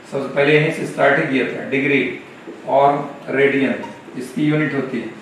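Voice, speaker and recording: A male physics teacher with a Marathi-influenced Hindi accent giving a slow, repetitive classroom lecture, asking questions and answering them himself. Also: fairly high pitch, a bit bright. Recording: echoey classroom, camera far off, faint noise.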